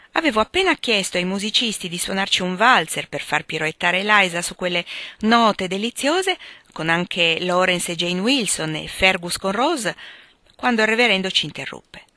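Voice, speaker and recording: Woman reading a novel, bright voice. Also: medium pitch, no echo. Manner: measured, expressive. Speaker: audiobook reader. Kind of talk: literary audiobook narration.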